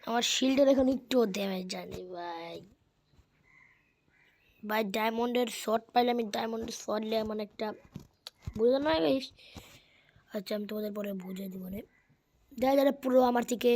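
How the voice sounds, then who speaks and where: A woman, giving excitable casual commentary while playing a video game. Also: fairly high pitch, fairly quick, long pauses. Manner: excitable, keeps saying "bhai". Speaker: gamer streamer.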